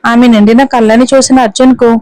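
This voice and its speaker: A woman narrating a romantic story in a steady storytelling manner, reading all the characters in her own voice. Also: on the high side, fairly quick, no room sound, rough recording.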